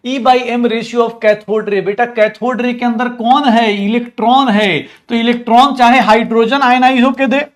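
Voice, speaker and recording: A man in his thirties from India, teaching chemistry in an animated, joking, scolding way. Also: sits high. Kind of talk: online chemistry lecture.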